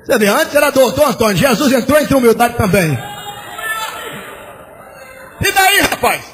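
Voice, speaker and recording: A pastor preaching a sermon, shouting bursts and a sing-song cadence as he acts out conversations, in an old church recording. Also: very high-pitched, very animated, moderate pace. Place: large church. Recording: old church recording with long hall reverb and faint hiss.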